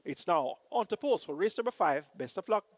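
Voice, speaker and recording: A man's voice: high voice, animated, a little fast, no echo. A Jamaican man giving race preview commentary as a horse racing analyst. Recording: dull, band-limited broadcast audio.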